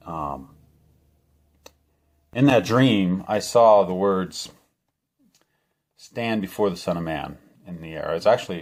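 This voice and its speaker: A middle-aged man telling the story of a dream in a rambling, earnest way, full of restarts and fillers. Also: low voice. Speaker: channel host. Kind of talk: personal testimony to camera.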